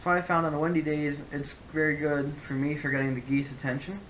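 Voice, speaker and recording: A man's voice: a little high, fairly even intonation, quick pace, fairly bright tone, slight background noise, low-quality recording. A man giving a casual, rambling product review, often correcting himself as he explains. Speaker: hunting gear reviewer.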